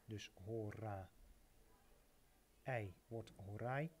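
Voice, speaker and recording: A man's voice: fairly low pitch, very slow, a little mellow, a little hiss or hum. A man teaching, working through a text line by line, patient and methodical, repeating each translation.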